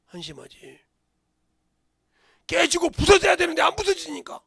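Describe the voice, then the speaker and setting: A middle-aged male pastor preaching a sermon in a church, dropping to whispers and bursting into shouts. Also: extremely high pitch, huge pitch swings, normal speed, creaky, no echo, clean studio sound. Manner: swings from hushed whispers to sudden shouts. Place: church sanctuary.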